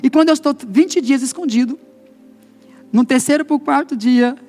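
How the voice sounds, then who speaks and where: A middle-aged man with a Brazilian Portuguese accent, a pastor giving a testimony sermon and telling his story in a lively way, acting out the dialogue. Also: very high voice, normal speed, faint music behind.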